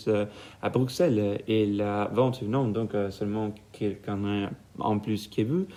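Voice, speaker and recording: Italian young man hosting, halting. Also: on the low side, warm tone. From Italy. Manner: halting, many fillers. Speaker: school radio host. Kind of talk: casual interview.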